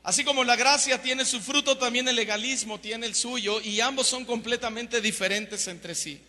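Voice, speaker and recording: Bright-voiced preacher in a reverberant hall. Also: male voice, very high-pitched, moderate pace. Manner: emphatic, swings from loud to hushed. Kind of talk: sermon.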